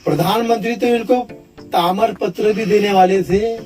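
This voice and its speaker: A man doing live stand-up comedy with brisk joking patter. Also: high voice, a little mellow, soft background music.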